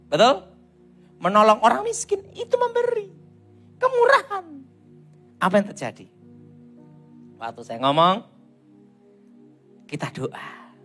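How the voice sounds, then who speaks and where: A man with a Javanese accent preaching a sermon as an evangelist, telling stories and asking the congregation to agree. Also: very high voice. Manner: animated storytelling, asks the crowd "betul?".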